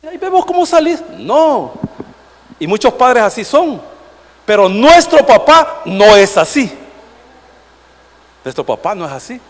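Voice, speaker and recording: A man's voice: sits high, very animated, takes it slowly, long pauses, slight background noise. A male pastor, preaching a sermon with rhetorical questions aimed at the congregation. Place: church sanctuary. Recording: long hall reverb.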